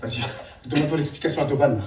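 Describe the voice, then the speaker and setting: A man's voice: fairly high pitch, racing, darkish tone, natural voice. A man playing a hard, domineering, sardonic character in a naturalistic drama, speaking in blunt, commanding sentences. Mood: angry, scolding. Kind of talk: naturalistic film drama acting. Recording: echoey room, distant from the mic.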